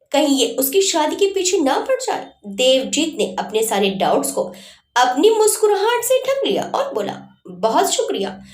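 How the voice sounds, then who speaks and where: A woman narrating a story in an expressive reading style. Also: fairly high pitch. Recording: roomy echo.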